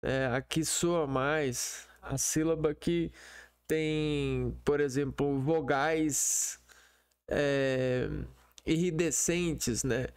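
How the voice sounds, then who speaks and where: A man teaching an online lesson over a shared screen, in a slow, hesitant way full of fillers. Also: fairly high pitch, fairly even intonation, smooth, no room sound, clean studio sound.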